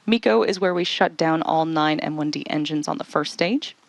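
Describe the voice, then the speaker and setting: A woman's voice: low-pitched, moderate pace, creaky, no room sound. A woman hosting a live launch webcast, explaining technical steps in running commentary.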